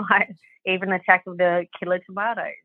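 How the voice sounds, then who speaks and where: A woman's voice: on the low side, flat delivery, moderate pace, dry recording. An Australian woman, a guest author, chatting casually, rambling with lots of fillers and swearing. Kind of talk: casual podcast chat. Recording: dry tinny phone line.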